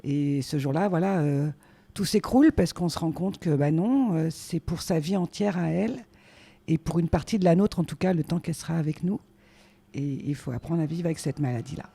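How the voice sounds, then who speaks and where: Hesitant woman in her forties, mellow voice. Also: sits low, vocal fry, slightly rough. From France. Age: 40s. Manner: hesitant, many filler pauses. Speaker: guest, the host's mother. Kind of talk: casual conversation.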